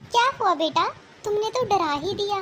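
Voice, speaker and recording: Woman voicing an older cartoon mother-in-law, lectures hard, very high-pitched. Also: animated, normal speed, a bit bright, a little hiss or hum. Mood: scolding. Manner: scolding, lecturing. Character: older scolding mother-in-law, sharp-tongued but fair. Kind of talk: cartoon voice acting.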